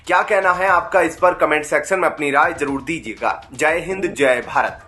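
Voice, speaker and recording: Bright, high-voiced male news narrator. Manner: steady, formal newsreader delivery. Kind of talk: scripted news voice-over.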